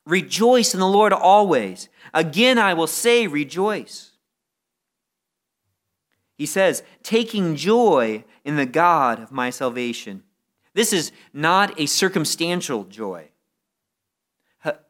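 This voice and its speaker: A man preaching in an earnest, steady way, with a voice that sits a little high for a man. He tends to repeat a word or two before pressing on, and he leans into key phrases. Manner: earnest, repeats words when stuck, rises in intensity on key phrases. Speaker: pastor. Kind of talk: sermon.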